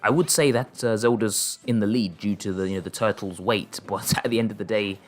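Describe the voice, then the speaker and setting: At a fairly quick pace, with slight background noise, a man streams online fighting matches, calling plays and chatting with viewers. He is an excitable commentator who laughs a lot, and his voice shoots up whenever a big moment lands.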